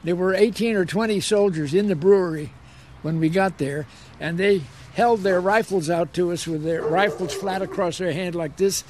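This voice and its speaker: Old american guy, war vet remembering stuff for an interview, slightly high voice, bit of noise behind. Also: a little mellow. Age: 80s or older. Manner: old veteran remembering, unhurried storytelling with repetition for emphasis. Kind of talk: reminiscing in an interview.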